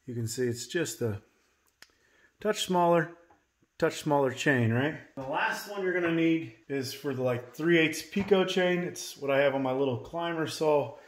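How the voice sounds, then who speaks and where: A man's voice: fairly high pitch, normal speed. A man in his thirties giving a casual workshop tutorial, talking straight to viewers and checking in with a folksy "okay?" between steps. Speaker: chainsaw maintenance presenter. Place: indoor home workshop.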